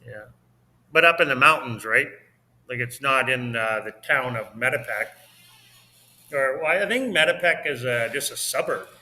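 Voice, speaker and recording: A man co-hosting a casual livestream chat from his home, talkative and quick to laugh. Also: medium pitch, expressive, pushed and bright. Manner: chatty, laughs often. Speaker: livestream co-host. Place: home in Mexico.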